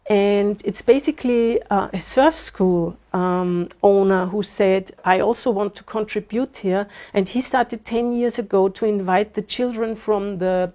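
A woman's voice: mid-range voice, unhurried, few pauses, warm tone. A woman in her fifties, from Austria, speaking as an interview guest, earnest and thoughtful with frequent fillers. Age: 50s. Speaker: guest, bitcoin advocate. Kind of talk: casual interview talk.

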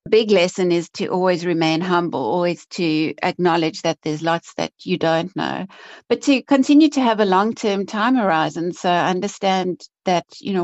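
A woman's voice: fairly low pitch, darkish tone, muffled recording. A woman from Africa, an investment professional answering interview questions in a chatty way. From South Africa. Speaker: guest, chief investment officer.

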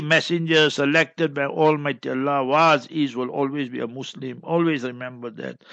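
A man's voice: on the high side, a bit bright, no room sound. Older man, rambling preacher. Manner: rambling and digressive, sprinkled with Arabic phrases and Quran recitation. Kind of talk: casual spoken report. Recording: dull, dry lo-fi recording.

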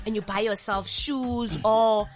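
An actress chatting playfully on a radio interview, laughing often and telling stories. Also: female voice, fairly high pitch, fairly even intonation, measured pace, faint music behind. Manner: bubbly, laughing, playful storyteller. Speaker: actress and businesswoman guest. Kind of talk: casual radio interview chat. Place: radio studio.

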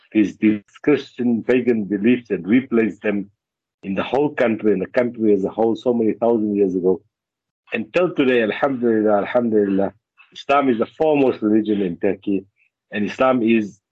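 A husky, fairly low-voiced man with a South African Indian accent speaks as a radio guest. He is deliberate and builds on repeated phrases, heard dry over a dull link. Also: no room sound. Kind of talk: conversational radio interview.

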